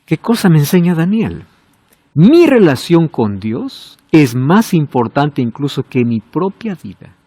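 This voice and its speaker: A male preacher giving a sermon, asking rhetorical questions and swinging between emphatic high points and quiet, low asides. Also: sing-song, unhurried, breathy edge, no room sound, studio quality.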